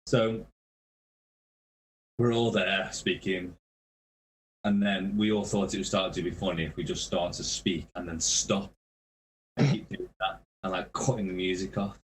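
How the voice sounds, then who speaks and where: A man with a fairly low voice tells a rambling tour anecdote as a podcast guest. He swears nearly every line and laughs at his own stories. His delivery is loose and casual. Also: fairly even intonation, unhurried, long pauses, a little hiss or hum. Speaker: touring metal musician, podcast guest.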